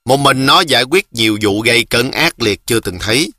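A man's voice: mid-range voice, animated, brisk, sharp tone, dry recording, clean studio sound. A man voicing a young male army deserter who talks earnestly to his mother. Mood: boastful.

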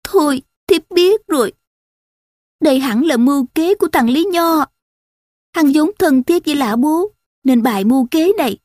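A tearful young concubine cries out her innocence in a high, wailing lament, as a woman puts her on. Her voice rides well above a speaking pitch and stays loud and strained. The sound is close and dry. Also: lively intonation, moderate pace, dry recording. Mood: bitter.

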